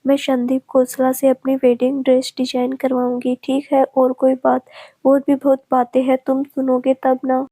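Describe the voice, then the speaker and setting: A demanding young bride-to-be scolds her distracted fiancé, as a woman narrator reads her part. The voice sits high and barely moves in pitch, with a soft, mellow tone. It is a storybook reading, recorded close and dry. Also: monotone, normal speed, no room sound. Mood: scolding. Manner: scolding, pouty.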